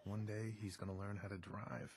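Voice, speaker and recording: A man playing a young husband and father with relaxed, wry domestic asides. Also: on the low side, normal speed, slightly rough, no echo.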